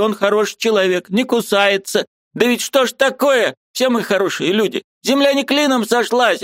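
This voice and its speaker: A man's voice: very high-pitched, dry recording, studio quality, pitched above the performer's own voice. A man voicing an old woman, a fussy, agitated aunt who exclaims, pleads and repeats herself in an audiobook.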